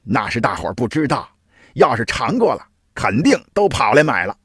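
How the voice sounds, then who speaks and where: Brief: eager, wheedling gravedigger, put on by a male storyteller; husky edge, dry sound. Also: medium pitch, very animated, moderate pace, fairly bright tone, no room sound. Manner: wheedling, grinning. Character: greedy cheerful gravedigger man, scruffy and eager.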